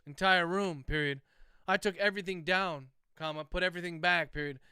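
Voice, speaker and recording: A man reading the lines of a shaken, grieving middle-aged father in his own voice, in a flat dictation style. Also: high voice, fairly quick, clear, resonant tone, no echo, studio quality. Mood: strained.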